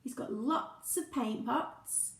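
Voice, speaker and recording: Reading a picture story to young children at a slow pace, a woman teacher whose voice sits on the high side is playful and expressive throughout. She asks her listeners questions and makes sound effects. The room is echoey.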